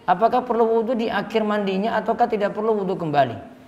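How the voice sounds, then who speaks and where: A man's voice: high voice, expressive, quick pace, a little mellow, lo-fi sound. A man giving a religious lecture, reading out listeners' questions and answering them plainly. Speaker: Islamic teacher. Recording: echoey hall reverb.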